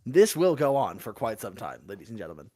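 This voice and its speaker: A man with a Canadian accent doing playful, animated commentary banter from a booth during a drift livestream. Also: on the low side, brisk, no echo, studio quality, soft background music. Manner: playful, animated, self-mocking.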